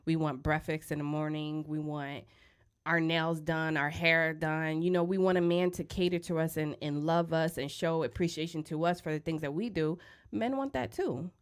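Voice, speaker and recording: A woman in her thirties co-hosting a casual studio podcast, outspoken and joking, often breaking into loud laughs. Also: deep voice, normal speed, clean tone. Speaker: podcast co-host. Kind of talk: casual chat. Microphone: studio microphone.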